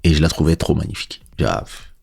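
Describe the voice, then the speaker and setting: A man from Congo, raised in France, hosting a relaxed livestream and answering viewer questions in an unhurried way. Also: extremely low pitch, creaky, husky. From Congo, raised in France from age seven. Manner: relaxed and unhurried, pauses with filler sounds. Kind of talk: casual livestream chat reading viewer questions. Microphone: dynamic podcast-style microphone.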